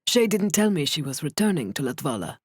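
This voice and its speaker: A woman narrator voicing a guarded man with a deep, clipped, indifferent voice. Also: sing-song, fairly quick, slightly rough, no room sound, studio quality. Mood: polite. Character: cool, guarded young man with a clipped accent.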